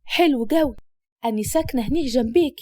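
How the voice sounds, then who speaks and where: A woman's voice: sits high, quick pace, darkish tone, dry recording. A woman voicing a talkative, teasing schoolgirl friend with an Upper Egyptian accent. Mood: chatty.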